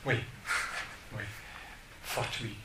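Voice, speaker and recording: A man, a poet, speaking at a public talk, slowly searching for his words with many restarts. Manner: slow, halting, searching for words. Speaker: poet being interviewed. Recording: roomy, distant, noisy room mic.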